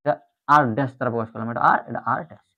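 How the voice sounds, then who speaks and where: A man's voice: medium pitch, steady tone, racing, creaky. A man teaching chemistry in an online lecture, explaining step by step and repeating the key terms. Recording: tinny phone-like audio.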